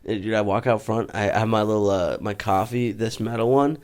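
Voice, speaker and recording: A man's voice: lowish voice, steady tone, brisk, darkish tone. A man in his twenties, co-hosting a casual podcast chat, who rambles through stories and keeps saying "dude". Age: 20s. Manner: rambling, says "dude" constantly, laughs mid-story. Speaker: podcast co-host.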